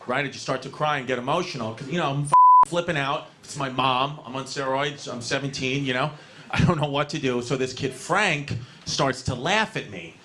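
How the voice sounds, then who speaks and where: A man's voice: mid-range voice, normal speed, pushed and bright, slight background noise. A man from New York in his thirties doing a stand-up set in a comedy club, brash and profane, rambling and laughing at his own lines.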